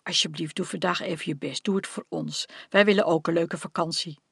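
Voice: medium pitch, steady tone, fairly quick, vocal fry, fairly bright tone, slightly rough, dry recording. A reader doing a pleading, worn-out mother. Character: tired mother, middle-aged woman, pleading. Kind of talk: audiobook reading. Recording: dry close studio sound.

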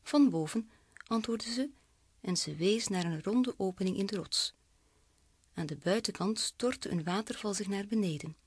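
A woman narrating a children's storybook in the first person with lively storytelling. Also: mid-range voice, moderate pace, husky, dry recording. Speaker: audiobook narrator.

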